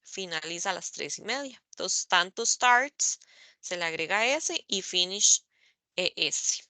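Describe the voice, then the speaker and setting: A woman teaching English grammar in an online class, speaking slowly and carefully, spelling out letters and repeating examples. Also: on the low side, expressive, pushed and bright, no room sound. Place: online meeting recording.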